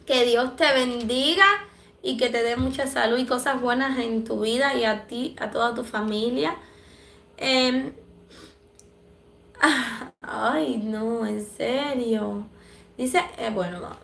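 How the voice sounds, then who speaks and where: A young adult woman from Cuba and the Dominican Republic hosts a livestream, affectionately reading viewer comments aloud, laughing often and sounding a little stuffy from allergies. Her high voice is creaky and a bit bright, captured on a phone camera at arm's length in a small indoor room with roomy sound and a little hiss or hum.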